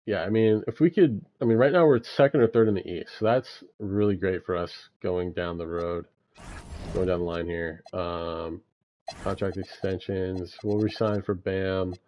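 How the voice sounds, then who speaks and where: A man's voice: sits low, normal speed, highs cut off. A young man giving laid-back gameplay commentary, thinking aloud with frequent fillers as he manages a basketball franchise. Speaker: gaming YouTuber.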